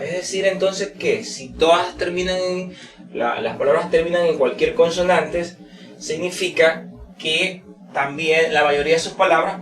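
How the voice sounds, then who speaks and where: Man, teacher, pronunciation lesson, slow repeated examples, echoey room. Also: fairly high pitch, fairly bright tone, distant mic. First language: Spanish. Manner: slow, drawn-out model words repeated for stress. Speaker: English teacher.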